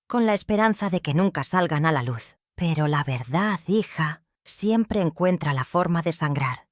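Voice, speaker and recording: A woman narrating a scripted family drama in a measured, dramatic way. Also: low-pitched, dry recording, studio quality.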